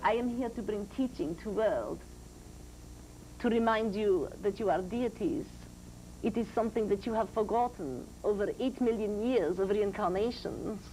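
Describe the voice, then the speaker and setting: A man channeling a serene, grand spirit teacher as a seance medium in a trance, speaking formally and deliberately. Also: high-pitched, darkish tone, natural voice. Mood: solemn teaching. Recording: noisy old TV broadcast.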